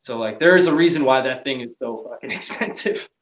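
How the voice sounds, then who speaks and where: A man's voice: medium pitch, expressive, a little fast, reverberant, lo-fi sound. A man talking casually as a podcast guest, laid-back and trailing off, swearing casually and laughing often. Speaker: podcast guest, gear maker. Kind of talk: casual chat.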